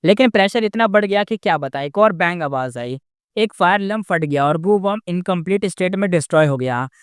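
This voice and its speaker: A man retells a novel's story in a chatty, casual way and keeps turning to talk straight to his listeners. His voice is high and smooth. It is recorded close on the mic, dry, with no room sound. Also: animated, brisk, no room sound.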